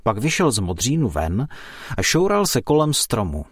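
Man reading a lively children's story. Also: mid-range voice, husky, no room sound, clean studio sound.

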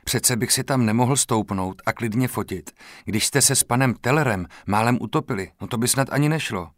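A man's voice: medium pitch, no room sound, studio quality, lightly acted. A man reading a frank, earnest teenage boy. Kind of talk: audiobook character reading.

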